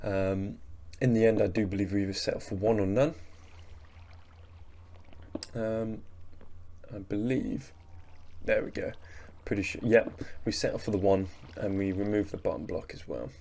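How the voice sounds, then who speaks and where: A man's voice: on the low side, fairly even intonation, a little slow, long pauses, mellow. A young man talking through his gameplay in a sleepy, rambling, self-mocking way, yawning between remarks. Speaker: gaming channel host. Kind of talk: relaxed gameplay commentary voice-over.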